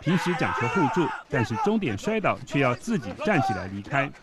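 A male reporter giving steady, explanatory news voice-over narration. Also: medium pitch, fairly quick.

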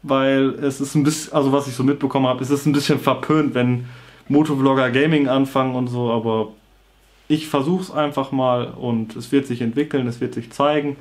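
A young adult man with a cold and sore throat talks to camera a little fast, in a medium-pitched voice with fairly even intonation. The vlogger speaks casually, slangy and offhand, from a small indoor bedroom with a computer desk.

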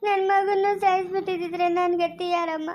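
Widow role: woman voicing a tearful village widow, very high-pitched, wailing curses in a home-made drama. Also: steady tone, normal speed, a little mellow, soft background music. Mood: grieving. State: crying. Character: weeping widowed village woman, bitter and grieving.

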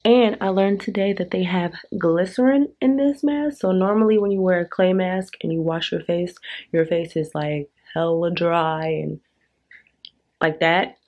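A woman's voice: fairly low pitch, measured pace, a little mellow, highs cut off. A woman chatting playfully in casual slang as she films a beauty vlog in a hotel room on a camera mic. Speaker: beauty vlogger.

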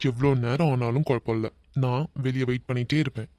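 A performer voicing an easygoing, teasing young man in a cartoon, with a Kanyakumari Tamil accent and a soft, coaxing way of talking. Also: medium pitch, steady tone, fast talker, dry recording, clean studio sound, natural voice. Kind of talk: cartoon voice acting.

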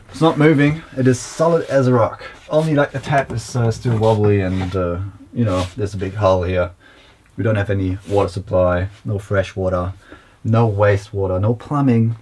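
A young man giving a relaxed, chatty walkthrough of his camper van build, recorded on a camera mic in a small wood-panelled van. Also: on the low side, slight background noise. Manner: relaxed, chatty, many fillers. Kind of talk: casual vlog walkthrough.

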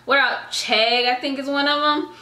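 A woman's voice: high voice, fairly even intonation, normal speed, pushed and bright, roomy sound. A pregnant woman in her twenties, chatting casually on her vlog and giving advice, a little out of breath, saying "y'all" and "girl". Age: 20s.

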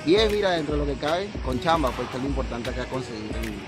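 A man's voice: mid-range voice, lively intonation, quick pace, music in the background. A young man from Venezuela who works as a bartender, chatting in a friendly way with the vlogger out on the street. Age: young adult. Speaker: bartender, fan of the host. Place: outdoors on a street.

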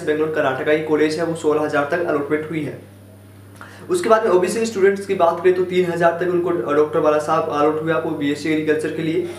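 A young man in his twenties, a counselor talking to camera, explaining admission cutoffs in a steady way and often saying "okay" between points. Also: on the high side. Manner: steady, repetitive with fillers and "ठीक है". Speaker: education counselor and YouTuber. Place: small indoor room in front of a wooden door. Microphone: camera at close range, head and shoulders framed. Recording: echoey room with faint hum.

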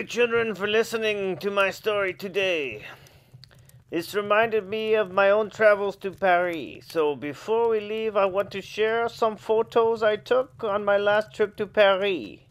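A man's voice: sits high, pitched above the performer's own voice. A man voicing Lucy, a dog who reads a children's storybook aloud, speaking theatrically and mixing in French phrases. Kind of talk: children's story reading in character.

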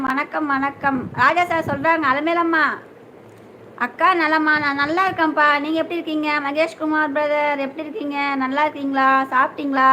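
A woman's voice: high voice, pushed and bright, slight background noise. A young woman hosting a casual live stream, greeting viewers by name and asking whether they have eaten.

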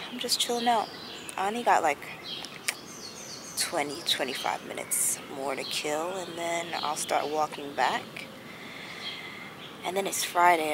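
A woman in her thirties chatting casually to her camera in a park, rambling in a relaxed way. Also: deep voice. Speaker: vlogger. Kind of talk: casual vlog chat. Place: outdoors in a grassy park. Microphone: camera phone held at arm's length. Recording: noisy outdoor ambience.

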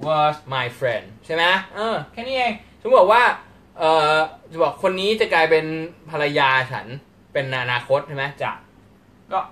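A man teaching English grammar in a live lecture, animated and acting out short question-and-answer exchanges. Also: fairly high pitch.

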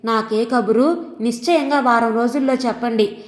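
A woman's voice: a little high, normal speed, reverberant, big-room sound, close to an everyday voice. Woman reading as a sarcastic angry husband. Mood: irritated. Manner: harsh, sarcastic, berating. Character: angry scolding middle-aged husband and father.

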